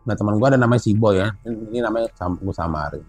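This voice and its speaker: A man casually telling a true story from a mountain hike, growing animated and high as it gets tense. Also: very fast, slightly rough, no room sound. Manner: animated, rising pitch when excited, Jakarta slang. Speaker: storyteller guest.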